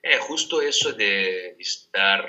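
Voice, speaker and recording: A man's voice: fairly low pitch, expressive, takes it slowly, sharp tone. A man taking part in a workshop, talking casually in a group discussion. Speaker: workshop participant. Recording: dull, lo-fi audio.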